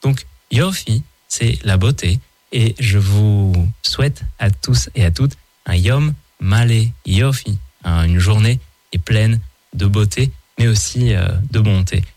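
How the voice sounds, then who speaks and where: A man's voice: fairly low pitch, takes it slowly, a little mellow, no room sound. A man giving a daily Hebrew word column on the radio, explaining casually with many hesitations and restarts. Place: radio studio.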